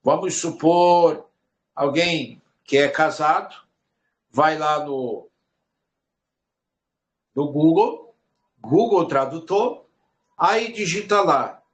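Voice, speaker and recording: A man teaching a Hebrew lesson, slow and repetitive. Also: fairly high pitch. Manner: slow, repeats words while explaining. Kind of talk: recorded online lesson.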